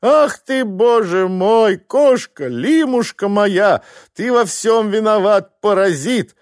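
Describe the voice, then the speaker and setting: A man's voice: very high-pitched, normal speed, no room sound, clean studio sound, pitched above the performer's own voice. A man voicing a quarrelsome, aging peasant wife who screeches and scolds her husband. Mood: wailing.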